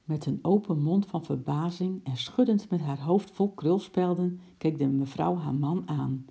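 A woman reading a children's story aloud in a lively, expressive narration. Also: low-pitched, a little slow, vocal fry.

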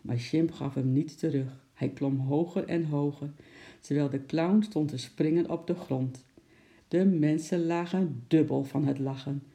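A man reading a children's storybook aloud in a steady, expressive narration. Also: fairly high pitch, a little slow, vocal fry.

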